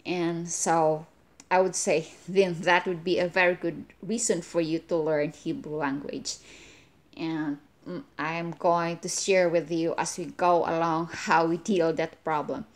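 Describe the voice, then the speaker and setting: A woman from the Philippines, a native Cebuano speaker with a Filipino accent, giving an unscripted explanatory talk in a halting, repetitive way with emphasis on key words. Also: on the low side, flat delivery. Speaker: religious language teacher. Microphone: phone at arm's length.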